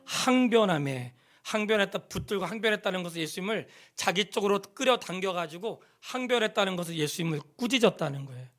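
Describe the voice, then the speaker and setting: A man's voice: sits high, expressive, fairly quick, hardly any pauses. Fervent Korean man preaching a sermon. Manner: emphatic preaching, swings from loud exhortation to hushed near-whispers; questions the congregation and has them repeat lines. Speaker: pastor. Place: church sanctuary.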